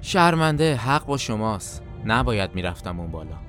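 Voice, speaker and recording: An actor playing a calm, humble division commander who speaks politely. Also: male voice, lowish voice, faint music behind. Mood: apologetic. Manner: calm, polite, then apologetic.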